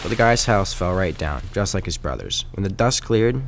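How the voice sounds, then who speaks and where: A man's voice: low voice, very animated, normal speed, creaky, noisy background, heavily acted. A man playing an aggrieved, folksy wolf who narrates his side of a storybook radio play in a conversational, wry, self-justifying way. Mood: mock innocent. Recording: loud music under the voice. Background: guitar music.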